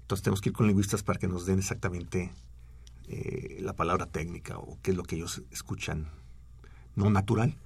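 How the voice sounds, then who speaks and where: Gravelly low-voiced man explaining. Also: steady tone, brisk, a little mellow. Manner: long explanations with restarts and fillers. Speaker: speech technology researcher. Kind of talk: explaining technology in a radio interview. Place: radio studio booth.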